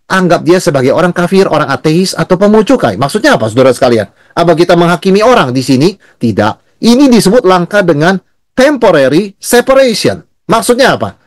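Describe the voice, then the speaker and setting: A man's voice: a little high, no room sound, studio quality. A male pastor teaching a Bible study in a conversational way, often asking and answering his own questions. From Indonesia.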